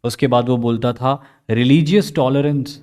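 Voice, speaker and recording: A man with an Indian accent giving a lively recorded history lecture, asking questions and acting out students' answers. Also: medium pitch, slow pace, clean tone. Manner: lively, asks questions and acts out students' replies. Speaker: history teacher.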